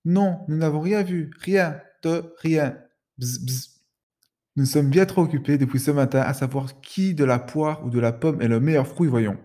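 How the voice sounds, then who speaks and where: A man's voice: on the high side, normal speed, mellow, lightly acted. A man voicing two tiny insect friends, a bee and a ladybug, speaking busily in unison. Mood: busy.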